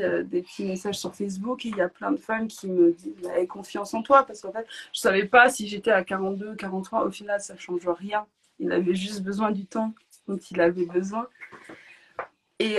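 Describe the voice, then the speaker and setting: A woman guest on a podcast, telling her own story in a lively, emotional way and often laughing between phrases. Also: mid-range voice, slightly rough. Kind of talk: personal storytelling.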